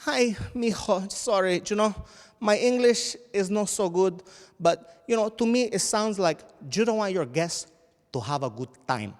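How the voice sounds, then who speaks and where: A woman's voice: medium pitch, animated, a little slow, darkish tone, big-room sound, voice pushed up, close to an everyday voice. A man doing his fiery mother. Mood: passive-aggressive. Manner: sweetly passive-aggressive, apologetic. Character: fiery passive-aggressive middle-aged mother.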